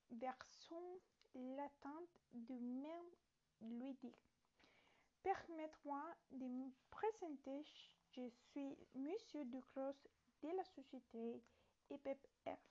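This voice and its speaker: Lady slowly working through a language lesson, mellow tone, stops and fixes herself a lot. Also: high-pitched, dull audio. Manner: slow, hesitant reading with fillers and self-corrections. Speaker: language learner. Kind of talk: reading a French lesson aloud with Italian translation.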